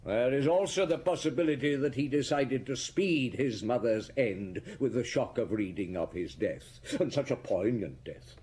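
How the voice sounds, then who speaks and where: A man acting a shrewd, commanding middle-aged French police inspector in a radio drama, reasoning and narrating deliberately with a husky voice. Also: mid-range voice, a little mellow, slight background noise, natural voice.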